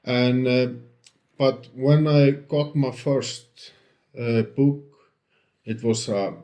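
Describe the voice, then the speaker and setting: At home, an Icelandic book restorer with an Icelandic accent answers interview questions casually and hesitantly, with lots of fillers and restarts. His mid-range voice is warm and steady, and he speaks very slowly.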